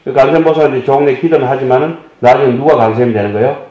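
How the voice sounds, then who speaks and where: A man's voice: medium pitch, steady tone, racing, dark tone. A man giving a Buddhist dharma lecture, explaining terms and asking his listeners questions with folksy humor. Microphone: table microphone. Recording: dull echoey hall audio.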